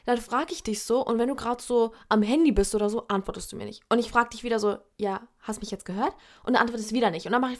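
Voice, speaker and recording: A young woman with a slightly high voice chats casually. She rambles and defends herself, filling her talk with hesitations. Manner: rambling, defensive, many fillers. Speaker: vlogger. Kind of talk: casual chat.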